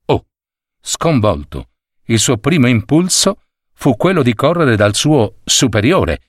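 A man reading a story aloud, unhurried and expressive, sometimes correcting himself. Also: medium pitch, no echo, studio quality. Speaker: narrator.

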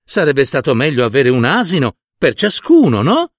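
A man's voice: mid-range voice, big pitch swings, moderate pace, no room sound, clean studio sound. A man voicing a young village girl who speaks with tender pity, in a spoken folk tale. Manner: tender, pitying.

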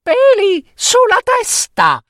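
A cheeky little princess from a storybook, bold and teasing, acted by a man. Her voice sits very high and bounces in a sing-song chant. Every phrase is slow and drawn out. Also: wildly swooping pitch, pushed and bright, no room sound, studio quality, full character voice.

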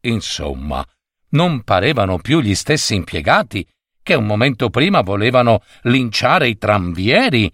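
A man reading a children's story aloud in an expressive way, changing voices for the characters. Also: fairly low pitch, measured pace, no echo, studio quality. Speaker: narrator.

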